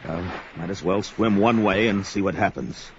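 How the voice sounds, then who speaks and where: In an audio adventure drama, an actor voices a bold, grim barbarian warrior who melodramatically narrates his own actions, sounding grim and resolute. His voice is deep at a normal speed, with background noise, in dull lo-fi audio under music.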